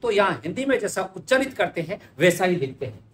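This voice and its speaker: High-voiced man teaching in an echoey room. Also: sing-song, fast. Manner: conversational, repeats words while writing. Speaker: Hindi teacher. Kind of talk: spelling lesson at a board. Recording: echoey room with faint ambient noise.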